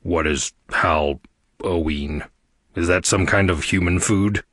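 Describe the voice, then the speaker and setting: A man voicing a huge, gruff male alien crewman in an audiobook, talking low and blunt. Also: slow, fairly bright tone, no echo, clean studio sound, full character voice. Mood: grumbling.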